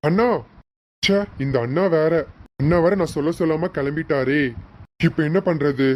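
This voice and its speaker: A man's voice: a little high, moderate pace, lo-fi sound, lightly acted. A man playing an injured young husband in a homemade serial, speaking emotionally and repeating names. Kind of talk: hobby serial acting.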